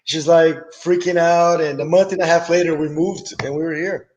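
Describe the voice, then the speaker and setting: A middle-aged man who grew up in Brazil, guest in a casual interview, relaxed and enthusiastic with hesitant restarts. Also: fairly high pitch, moderate pace, muffled recording, slight background noise. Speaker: guest, business owner.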